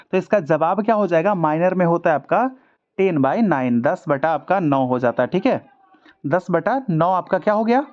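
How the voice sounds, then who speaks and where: A man's voice: fairly high pitch, a little mellow. A man teaching music theory in a casual video lesson, chatty and repetitive, talking to viewers like friends. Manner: chatty, addresses viewers as brother, repeats ठीक है. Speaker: online music exam tutor. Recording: dull lo-fi audio.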